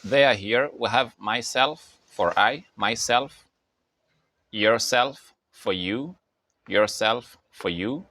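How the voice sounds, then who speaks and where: A man teaching an English grammar lesson, slowly repeating each phrase for learners. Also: medium pitch, sharp tone, dry recording. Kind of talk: slow, deliberate grammar lesson.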